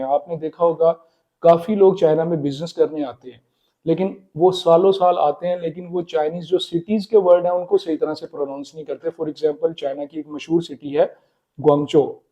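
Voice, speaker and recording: A man explaining Chinese pronunciation in a casual spoken lesson, repeating words slowly. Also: a little high, dark tone, muffled recording. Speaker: Chinese language teacher.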